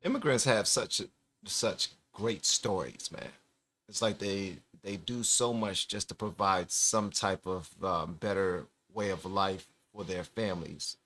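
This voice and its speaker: Low-voiced man reacting casually. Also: measured pace. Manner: relaxed, chatty, laughing asides. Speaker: reaction video host. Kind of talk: casual commentary.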